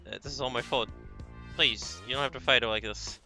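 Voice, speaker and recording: A man's voice: mid-range voice, a little fast, sharp tone, faint music behind. A man voicing a nervous young detective who stammers and gets flustered.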